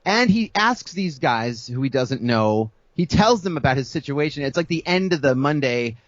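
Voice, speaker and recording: A man co-hosting a podcast, telling a music-history story in a casual, animated way, acting out the people he quotes and laughing often. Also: a little high, normal speed, dry recording, highs cut off. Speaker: podcast co-host.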